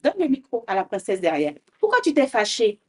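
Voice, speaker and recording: High voiced woman talking to little kids, gentle, keeps asking them questions. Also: huge pitch swings, fairly quick, breathy edge. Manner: gentle, questioning, often adds "hein?". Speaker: children's show host. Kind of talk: teaching young children.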